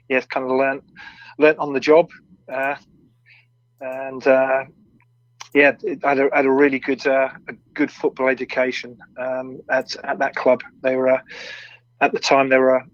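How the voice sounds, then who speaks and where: Flat, halting middle-aged man, muffled sound. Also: medium pitch, no echo. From born in Swansea, brought up around Reading, England. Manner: hesitant, halting delivery with repeated words. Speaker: former professional footballer, interview guest. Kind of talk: recalling career in casual interview. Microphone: audio-only online call. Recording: dull lo-fi internet call.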